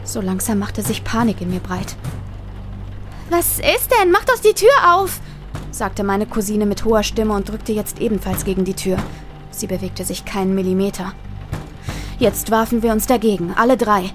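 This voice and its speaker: A woman's voice: medium pitch, steady tone, moderate pace, darkish tone, faint music behind. A woman reading a scripted horror story aloud, her voice tightening and rising as the tension builds. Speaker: narrator.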